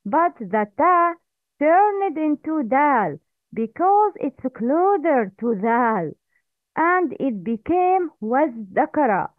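A woman teaching Quran recitation rules in a slow, patient lesson, spelling out each sound step by step. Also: high-pitched, no room sound. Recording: tinny phone-like audio.

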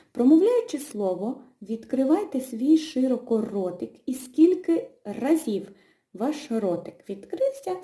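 Sing-song woman teaching young children. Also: a little high. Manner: gentle, slow and sing-song, splitting words into syllables for children. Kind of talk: children's literacy lesson with a told tale. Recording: echoey room.

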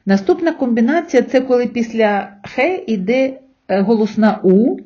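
A woman teaching an online language lesson, explaining letters and sounds in a slow, careful way. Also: on the high side, mellow, lo-fi sound.

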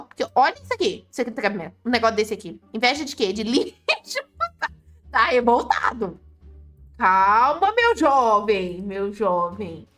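A young Brazilian woman giving chatty gameplay commentary, excitable and laughing often as she teases other players. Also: on the high side. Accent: Brazilian Portuguese. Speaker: gaming video host.

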